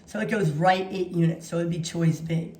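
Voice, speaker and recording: Her voice is on the low side and warm, with a steady tone and moderate pace, as this woman gives an instructional walkthrough of math practice problems. She spells out notation one piece at a time and repeats key phrases to stress them. The room sounds echoey.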